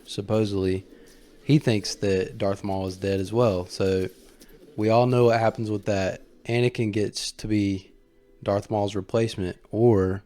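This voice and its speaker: A man's voice: fairly low pitch, a little mellow. Man telling a story with emphatic fan commentary. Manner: colloquial, fan-like asides. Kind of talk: casual storytelling commentary on a film franchise.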